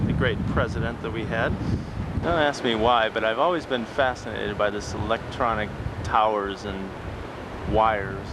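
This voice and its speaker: Man, wry off-the-cuff narrator filming outdoors; old VHS camcorder tape with loud hiss and street noise, mid-pitched voice. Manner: rambling and wry, with self-mocking asides. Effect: old VHS camcorder tape sound. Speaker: home video narrator filming his town. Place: outdoors around town streets and a riverside. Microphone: built-in camcorder microphone.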